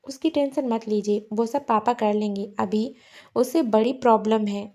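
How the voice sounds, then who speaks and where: An earnest young husband who pleads gently and reassures, as a woman narrator puts him on. The voice sits a little high and mellow, close to the reader's own. It is spoken as part of a storybook reading. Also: steady tone, moderate pace, lightly acted. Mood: earnest, tender. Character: young man, caring husband.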